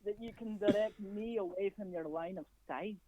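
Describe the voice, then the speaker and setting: A man's voice: high voice, moderate pace, dark tone, highs cut off, close to an everyday voice. A man playing a cheeky, suggestive caller with a put-on accent. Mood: sly. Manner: sly, suggestive. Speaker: prank caller.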